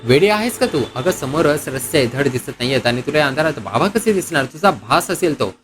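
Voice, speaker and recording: A man's voice: a little high, big pitch swings, fairly quick, a little hiss or hum. Man playing a snobbish rich young boss, curt, irritable, storyteller's voice. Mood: haughty, irritated. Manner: haughty, curt.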